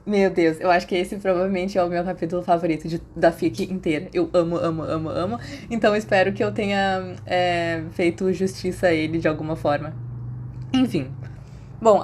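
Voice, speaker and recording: Speaking at a medium pitch over slight background noise, a Brazilian woman narrates fan fiction for a podcast. Her delivery mixes expressive audiobook storytelling with casual conversation directed at listeners.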